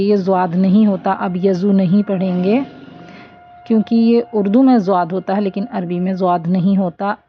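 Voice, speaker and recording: A woman teaching prayer recitation online, who explains pronunciation and then recites the lines slowly and drawn out. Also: medium pitch, muffled recording, a little hiss or hum. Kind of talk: online tajweed lesson.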